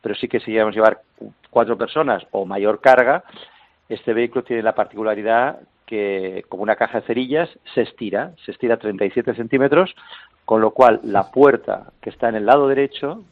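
A man calls in to a radio show, his fairly low voice squeezed through a narrow, dry phone line. He explains in long, meandering turns full of fillers and self-corrections. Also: fairly quick, no echo. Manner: explanatory, many fillers and restarts, chuckles now and then. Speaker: interview guest explaining a vehicle.

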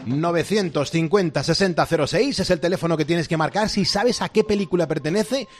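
Male radio presenter, Castilian accent, husky and fairly high, chatty, emphatic, repeating phrases. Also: fairly quick. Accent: Castilian Spanish from Spain. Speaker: radio host.

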